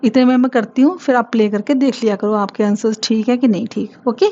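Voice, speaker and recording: A woman's voice: a little high, fairly even intonation, a little fast, mellow, muffled recording. A woman with an Indian accent teaching a grammar lesson to children, patiently asking questions and repeating words. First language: Hindi.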